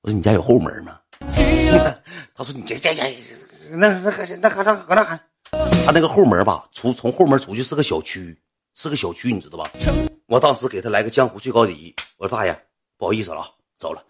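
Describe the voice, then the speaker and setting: A man with a Northeastern Chinese accent telling a comic story in a rambling, colloquial, animated way. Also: lowish voice, fast, over loud music.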